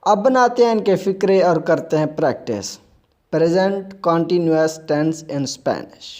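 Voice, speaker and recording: A man's voice: a little high, expressive, measured pace, a little mellow. A man with an Urdu accent teaching a spoken language lesson, spelling out letters and repeating example sentences.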